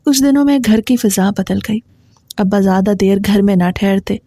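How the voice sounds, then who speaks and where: Warm, mellow woman storyteller. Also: mid-range voice, dry recording. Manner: steady, plain storytelling. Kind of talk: scripted narration.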